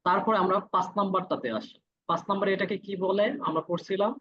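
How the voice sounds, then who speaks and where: Guy teaching a class online, husky voice, dull muffled sound, says every vowel twice. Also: high voice, steady tone, a bit bright. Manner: patient, repeats each vowel sound slowly. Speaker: Korean language teacher. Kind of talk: classroom lesson.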